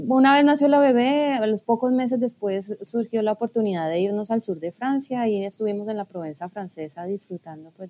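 A woman from Colombia, a guest talking through her story in a thoughtful, hesitant way with pauses. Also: medium pitch, dark tone. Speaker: guest, food scientist and blogger. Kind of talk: casual podcast conversation.

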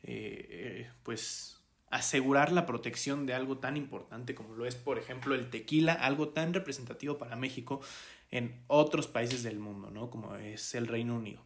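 A man's voice: mid-range voice, moderate pace, a little hiss or hum. A man with a Mexican accent hosting a podcast, talking through the news in a casual, hesitant way, with many fillers and restarts. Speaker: podcast host. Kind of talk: casual solo commentary.

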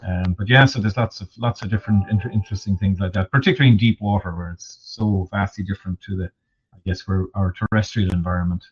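Man, west of Ireland Kerry accent, low voice, hesitant explanatory interview answers, dull lo-fi recording. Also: fairly even intonation, quick pace, slightly rough. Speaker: interview guest, marine research manager. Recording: dull, narrow lo-fi audio.

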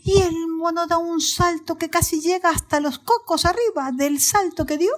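Female children's storyteller, high voice, expressive, addresses the audience. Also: moderate pace. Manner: expressive, addresses listeners directly.

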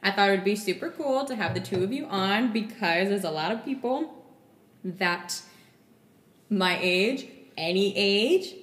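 A woman's voice: mid-range voice, lively intonation, measured pace, a bit bright. A young woman hosting a podcast in casual, conversational style. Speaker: podcast host. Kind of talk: casual chat. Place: kitchen table at home. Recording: echoey room.

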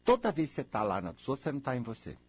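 A man giving self-help advice in a lively, conversational way, acting out little imagined exchanges. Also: medium pitch, breathy edge, no room sound. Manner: animated, acts out imagined people in quick asides.

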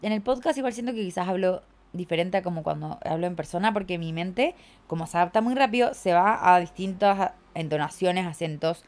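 A young Chilean woman, a podcast host and coach, talks in a chatty, reflective way, filling her speech with lots of "como." Her voice is on the low side and darkish, and she speaks briskly.

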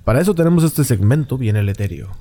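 A Mexican man hosts a loose, joking podcast chat. He throws out playful, mock-grand introductions for his co-host, and his pitch rises and dips freely. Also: expressive, fast, warm tone, slight background noise. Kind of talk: casual podcast banter.

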